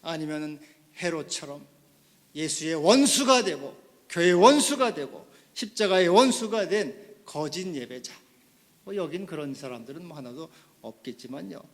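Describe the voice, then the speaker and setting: Casting: male pastor, high voice, lively sermon delivery, church reverb. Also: normal speed. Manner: animated preaching, acting out quoted voices. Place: church sanctuary.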